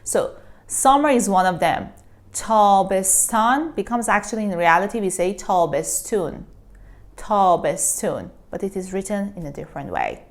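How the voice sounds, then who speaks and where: A woman teaching a language lesson, a Persian speaker who patiently says each word several times with careful, drawn-out pronunciation. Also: medium pitch, sing-song. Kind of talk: slow spoken language lesson.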